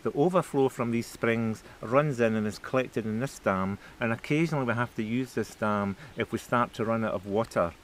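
A man's voice: medium pitch, moderate pace, hardly any pauses. A middle-aged man explaining things as a tour guide in the open air. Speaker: distillery guide. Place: outdoors by a dam and pond. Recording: noisy outdoor location recording.

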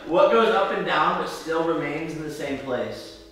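A man's voice: a little high, a little slow, a bit bright. A young man hosting a casual challenge video, quizzing and teasing playfully, recorded in an echoey room from a distance with music behind. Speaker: host.

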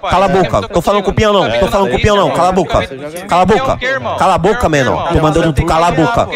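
A man with a high, rapid-fire voice hurls taunts in Rio during a gaming roleplay. He keeps repeating his insults in a heated trash-talk manner. Other players murmur in a crowded game voice chat behind him. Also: lively intonation. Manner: aggressive, taunting, repetitive insults. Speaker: roleplay gang member. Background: crowd of other players talking.

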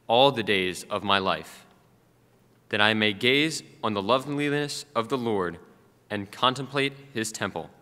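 Young guy reading a psalm slowly, lowish bright voice, echoey big hall. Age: young adult. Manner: measured, careful recitation. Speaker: student lector leading responsorial psalm. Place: stage of a school auditorium. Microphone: podium gooseneck microphone. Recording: long reverb of a large hall.

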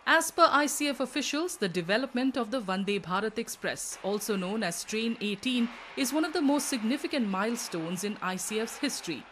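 A woman narrating a news report as a scripted voice-over, reading in an even, formal way. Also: a little high, fairly quick, few pauses, slight background noise.

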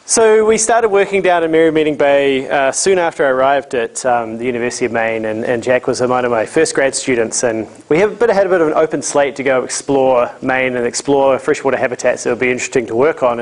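Man, broad Kiwi accent, informal public lecturer, dry humour. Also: mid-range voice. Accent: thick New Zealand. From New Zealand. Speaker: guest lecturer, ecology professor. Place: lecture room, speaking to a small audience.

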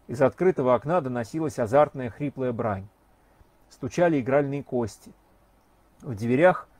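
A man reading a novel aloud as an audiobook narrator, measured and expressive. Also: medium pitch, no room sound. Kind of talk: scripted narration.

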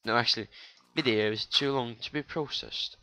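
A young gaming YouTuber with a non-native English accent rambles through commentary on his own gameplay, swearing casually and joking with viewers. His voice is medium-pitched, pushed and bright, clean in tone, at a moderate pace.

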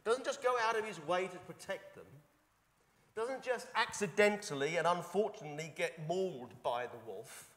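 A man's voice: high-pitched, expressive, moderate pace, fairly bright tone. A man preaching a sermon into a fixed microphone, talking conversationally with rhetorical questions and repetition. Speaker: pastor. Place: church. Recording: reverberant church hall.

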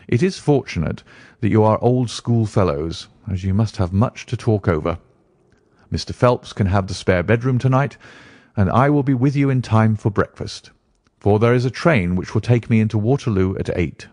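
A man voicing a sharp, commanding male detective who speaks briskly and insistently. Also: fairly low pitch, no room sound, clean studio sound, natural voice.

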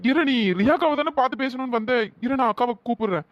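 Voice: high-pitched, fast talker, dry recording, natural voice. A performer voicing an earnest young man in a cartoon, protesting urgently to his mother. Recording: dull lo-fi dry sound.

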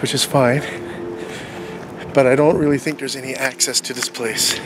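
A man's voice: mid-range voice, little pitch movement, normal speed. A middle-aged man chatting casually and informally as host of a night exploration vlog, with a joking streak. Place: dark abandoned building and outdoors at night. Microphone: handheld camera at arm's length. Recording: noisy handheld camera audio on location.

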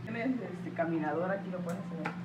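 A woman's voice: on the low side, moderate pace, heavy background noise. Grumbling young woman, echoey and distant. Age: 20s. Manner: grumbling, protesting. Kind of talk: casual slangy chat. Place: bedroom, indoors. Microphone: phone held by someone else. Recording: echoey room, distant, music behind.

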